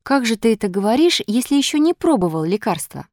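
Storybook: woman playing a kind fairy, gentle, quiet, lively in tone. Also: a little high, brisk, dry recording, clean studio sound, voice pushed up. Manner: gentle, soft-spoken, coaxing. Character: kind, patient motherly fairy. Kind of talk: storybook reading.

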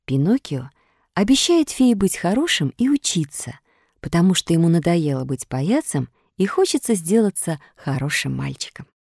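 A woman narrating a children's storybook in a measured, expressive reading voice. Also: on the low side, gravelly, no echo, studio quality. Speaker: audiobook narrator.

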